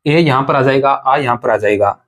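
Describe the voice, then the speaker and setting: A man's voice: mid-range voice, moderate pace, a bit bright. A man teaching an exam-prep grammar lesson, explaining step by step, repeating points and asking rhetorical questions of his students.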